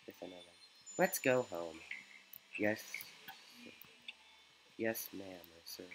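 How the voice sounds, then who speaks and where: A man's voice: low-pitched, slow, creaky, noisy background. A man giving joking let's play commentary, making goofy asides while he plays. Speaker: gaming YouTuber.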